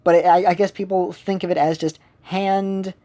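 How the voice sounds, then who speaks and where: Rambling, chatty woman with a mellow voice. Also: fairly low pitch, fairly even intonation, quick pace. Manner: rambling, self-correcting, chatty. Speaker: streamer. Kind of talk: casual chat while gaming.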